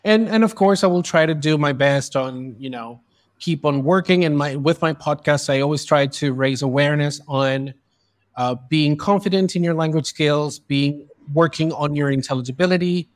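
Based in Spain, an earnest podcast host converses with a guest in a voice slightly high for a man, talking fluently at normal speed in long stretches and often restarting sentences. The sound is dry and close, with no room sound at all.

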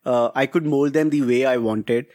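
A man's voice: mid-range voice, fairly even intonation, normal speed, darkish tone. North indian accent guy, startup founder chatting in an interview, mixes hindi n english, keeps saying right?. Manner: switches between English and Hindi, often tags phrases with "right?". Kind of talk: conversational interview answers.

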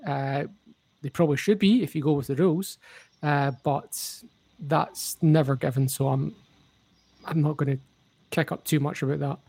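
A man's voice: fairly high pitch, steady tone, moderate pace, pauses often, a little mellow, husky, dry recording. A man co-hosting a casual football podcast, opinionated and explaining the rules at length. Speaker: podcast co-host.

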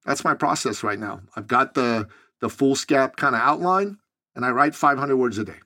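A man from Iran hosting a casual podcast interview, easygoing and quick to laugh at himself. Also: medium pitch, sharp tone. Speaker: podcast host.

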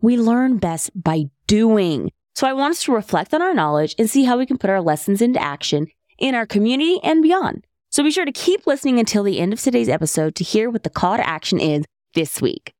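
Lively woman podcast host. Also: on the high side, brisk, few pauses, no room sound, clean studio sound. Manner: lively, laughs easily. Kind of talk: storytelling and podcast intro. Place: bedroom at home.

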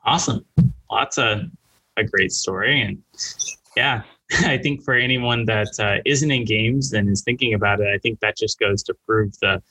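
Host, thirties man, casual and chatty, bright forceful tone, dry close sound. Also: fairly low pitch, moderate pace, slightly rough, no room sound, low-quality recording. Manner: casual and chatty, uses many fillers like "you know" and "like". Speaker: podcast host. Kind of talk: podcast interview.

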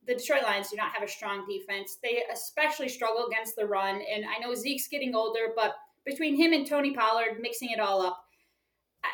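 A woman with a bright, fairly high voice co-hosting a casual football podcast. She talks through her picks in an upbeat, chatty way. The sound carries a noticeable room echo. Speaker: podcast co-host. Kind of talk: casual sports chat. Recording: echoey room.

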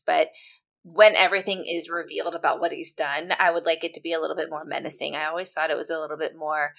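A woman co-hosting a casual fan podcast, talking lively and laughing as she goes. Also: lowish voice, gravelly. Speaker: podcast co-host. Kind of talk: casual chat.

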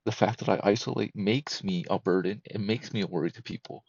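A man in his thirties, a podcast guest, talking candidly and emotionally in a halting, repetitive way that keeps circling back. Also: lowish voice, gravelly, darkish tone, no room sound, dull audio. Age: 30s. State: emotional, close to breaking. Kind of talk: candid personal conversation.

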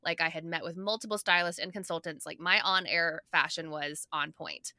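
A woman hosts a podcast interview in a candid, chatty manner. Her voice sits on the low side yet sounds bright and forceful, recorded dry and close with no room sound. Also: steady tone, moderate pace, dry recording. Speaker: podcast host. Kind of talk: casual interview chat.

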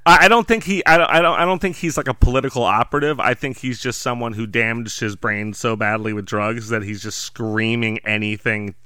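A man's voice: mid-range voice, fairly quick, few pauses, bright, forceful tone, clear, resonant tone, no echo. A man hosting a podcast in casual, wry, joking conversation. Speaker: podcast host. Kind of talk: casual comedic chat.

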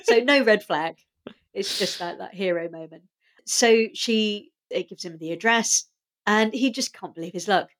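A woman's voice: medium pitch, unhurried. Chatty woman recapping an episode. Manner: chatty, animated retelling with quoted lines. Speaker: podcast co-host. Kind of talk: casual chat recapping a TV episode.

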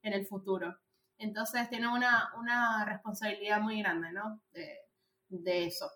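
A woman's voice: mid-range voice, steady tone, unhurried, bright, forceful tone. A woman in her thirties, chatting animatedly about a film as a podcast co-host, with lots of fillers. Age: 30s. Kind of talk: casual film review chat. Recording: echoey room.

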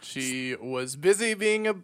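A man with a Canadian accent in casual podcast conversation as co-host, recalling things in a halting, informal way. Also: mid-range voice, animated, fairly bright tone, clean tone. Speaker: podcast co-host and audio engineer. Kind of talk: casual chat.

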